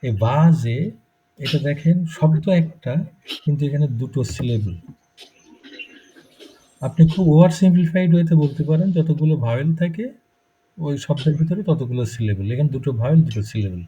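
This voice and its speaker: A man with a Bangladeshi Bengali accent teaches German pronunciation in a live class, explaining step by step and checking in with students. His voice is on the high side, fairly quick, mellow and slightly rough, with frequent pauses; the recording is muffled and lo-fi.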